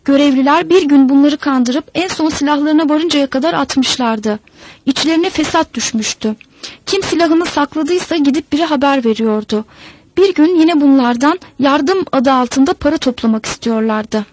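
A woman narrating a folk tale as a storyteller, reading in a measured, even way. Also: high-pitched, slight background noise, poor audio.

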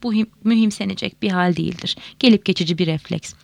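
A woman reading a novel aloud, voicing a kind male doctor who calmly reassures a patient. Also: fairly low pitch, quick pace, creaky, no room sound. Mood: reassuring. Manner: reassuring, gentle.

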